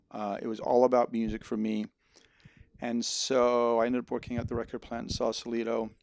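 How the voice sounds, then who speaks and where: A man's voice: mid-range voice, creaky, no room sound. A middle-aged man who grew up in the Netherlands, a sound mixer and filmmaker talking modestly and reflectively as a podcast guest, with frequent ums. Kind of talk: casual conversation.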